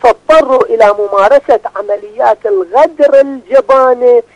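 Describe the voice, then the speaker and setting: A man phones in to the program, his voice coming down a phone line. He speaks in a very high register and delivers a formal, prepared-sounding statement. The sound is dry, with no room around it. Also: moderate pace, no echo. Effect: heard over a phone line. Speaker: phone-in caller.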